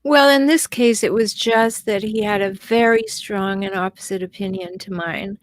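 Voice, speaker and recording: A woman guest speaking as a relationship expert on a casual podcast, telling stories in an animated way with many restarts. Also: medium pitch, normal speed, a little hiss or hum.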